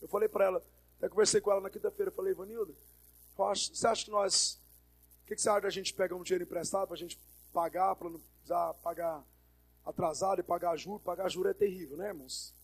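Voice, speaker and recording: A Brazilian pastor with a high-pitched male voice delivers a sermon. He tells a personal story, acts out the dialogue in it and calls out to the congregation as he preaches. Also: fairly even intonation, fast, breathy edge. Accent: Brazilian Portuguese.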